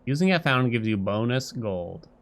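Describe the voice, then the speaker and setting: A middle-aged man casually commentates a live game stream, rambling and thinking out loud while humming little nonsense tunes. His mid-range voice has lively intonation at a normal speed, set against loud game music.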